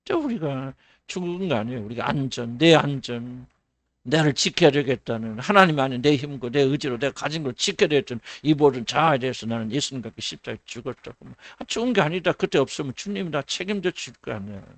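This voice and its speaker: A man's voice: mid-range voice, expressive, fairly quick, a bit bright, dry recording. A middle-aged man preaching a sermon as senior pastor, asking rhetorical questions and acting out quoted voices.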